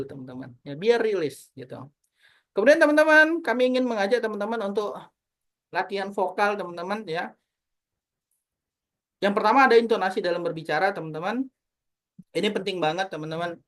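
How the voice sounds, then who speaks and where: A woman public speaking trainer teaching an online class, animated and always addressing her audience as friends, over a video call. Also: mid-range voice.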